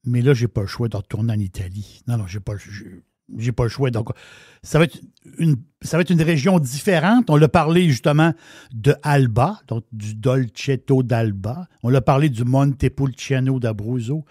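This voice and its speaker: A man with a Québécois accent, chatting excitedly about wine as a regular columnist, his words tumbling over restarts. His mid-range voice sounds close and dry, with no room around it. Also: mid-range voice, normal speed, slightly rough, dry recording. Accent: Québécois French. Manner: enthusiastic, rambling, many restarts. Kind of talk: casual radio chat.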